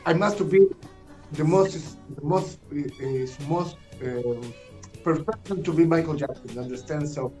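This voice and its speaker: Chilean male guest, Spanish native, halting English, slightly high voice, music bed under. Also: darkish tone, low-quality recording. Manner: halting, repeats words, asks "you understand?". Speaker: guest, [name] tribute performer. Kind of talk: interview over a call, in second-language English.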